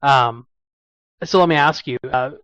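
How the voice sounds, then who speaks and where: A man's voice: medium pitch, normal speed, a bit bright, clean tone, no room sound, dull audio. A man co-hosting a podcast and conducting an interview in an upbeat, friendly way. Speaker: co-host interviewer.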